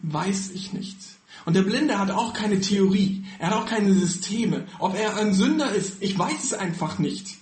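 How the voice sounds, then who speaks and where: A man's voice: high-pitched, darkish tone, echoey room. A man preaching a sermon on a Bible passage, earnest and personal, speaking directly to his listeners.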